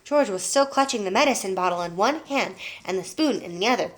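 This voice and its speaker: A woman's voice: medium pitch, lively intonation, fairly quick. A woman teacher reading a children's book aloud to her class and pointing out the pictures.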